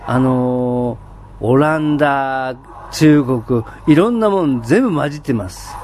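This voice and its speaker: A man's voice: mid-range voice, animated, slow, a little mellow, slight background noise. A man chatting on his own in standard Japanese, enthusiastic, with many fillers and frequent laughs. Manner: enthusiastic storytelling. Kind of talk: casual solo chat.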